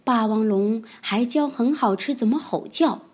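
A woman reading a children's picture book aloud, with expressive storytelling. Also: a little high, a little slow.

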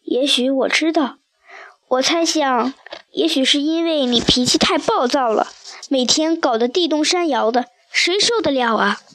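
A woman's voice: high voice, a little slow, a bit bright. A woman voicing a small, clever cat in a storybook reading, flustered and pleading. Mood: coaxing. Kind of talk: storybook character voice.

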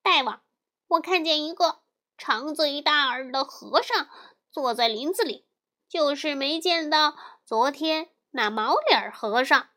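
A woman's voice: high voice, a little slow, bright, forceful tone. A woman voicing a small male demon scout reporting to his king in a children's storybook. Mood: eager. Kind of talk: storybook reading.

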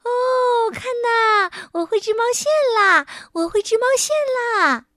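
A woman voicing an excitable little boy mouse in a children's storybook, with squeaky, eager exclamations. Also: measured pace, dry recording, clean studio sound, full character voice. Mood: overjoyed.

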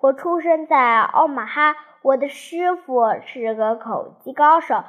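A woman's voice: high-pitched, a little slow, muffled recording. A woman doing a sly, pleading little old wizard. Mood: storytelling. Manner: timid, wheedling pleas.

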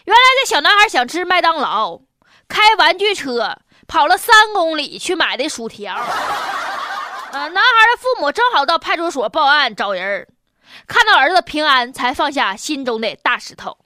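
A woman's voice: sits high, big pitch swings, normal speed, pushed and bright, no room sound, studio quality. A woman hosting a radio show, telling news stories in a jokey, teasing way with casual asides.

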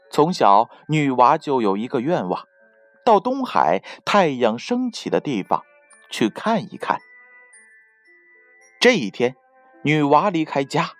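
A woman tells a storybook myth slowly, her voice swooping high and low with lively expression. The voice is dry and close, with soft music underneath. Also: no echo. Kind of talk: scripted storybook narration.

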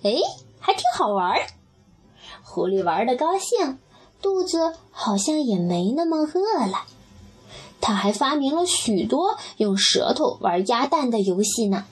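Slow, breathy woman storyteller. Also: a little high. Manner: gentle, addresses the child listener. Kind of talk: children's bedtime story reading.

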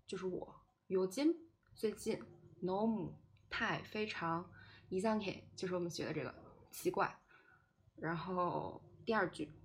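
Chatty woman teaching a language lesson. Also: mid-range voice. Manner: chatty, repeats words slowly for learners. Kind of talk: casual online language lesson.

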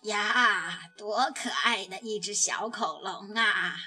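Woman putting on a soft-spoken old granny, soothing, lower than her own voice, slow, storybook reading over faint music. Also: lively intonation. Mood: gentle. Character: gentle, patient old grandmother.

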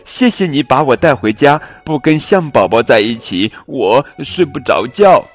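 Brief: storybook teddy bear, tiny and lost, squeaky and pleading. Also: male voice, very animated, normal speed, faint music behind. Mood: plaintive. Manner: shrill crying for help.

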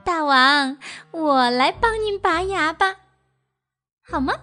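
A woman's voice: sits high, big pitch swings, moderate pace, faint music behind. A woman voicing a sly, smiling fox who sweet-talks the tiger, in a children's storybook reading. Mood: coaxing. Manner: smiling, coaxing. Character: sly sweet-talking fox posing as doctor.

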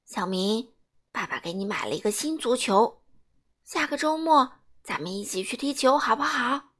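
A woman voicing a kind, busy father in a read-aloud children's story, speaking gently and apologetically. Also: a little high, animated, moderate pace, voice pushed down. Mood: gentle. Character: kind, busy office-worker dad.

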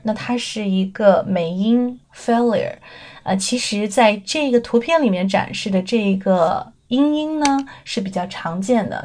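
Female English teacher explaining word pronunciation. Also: medium pitch. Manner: explanatory, asks rhetorical questions and answers them; drawls words slowly when modelling pronunciation. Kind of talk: recorded vocabulary lesson.

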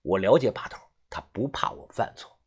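A man's voice: on the low side, moderate pace, husky. A man narrating a novel in the first person, telling the story expressively. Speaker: audiobook narrator.

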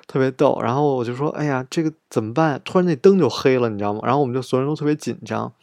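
A travel vlogger tells a chatty, casual story from his travels in a monologue, retelling scenes by quoting what he and other people said along the way. His medium-pitched voice is gravelly and a little mellow, and he talks very fast. The recording is dry.

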